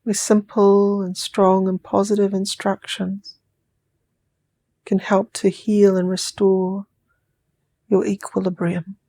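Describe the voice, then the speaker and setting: Leading sleep hypnosis in a New Zealand accent, a woman uses slow, tranquil, lengthened phrases and occasionally whispers. Her mid-range voice is mellow and keeps a level tone.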